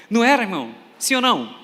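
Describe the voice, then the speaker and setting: A middle-aged Brazilian man preaching a humorous sermon, telling anecdotes in an animated, joking way. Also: high voice. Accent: Brazilian Portuguese. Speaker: pastor. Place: large church hall. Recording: echoey church hall with long reverb.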